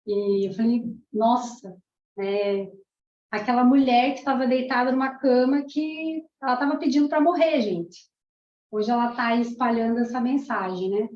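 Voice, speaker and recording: A woman's voice: fairly high pitch, moderate pace. A woman from Argentina, a parapsychologist and teacher in her thirties, giving an emotional, chatty testimonial to a class. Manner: warm, emotional, chatty, many "né"s. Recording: roomy, dull lo-fi room sound.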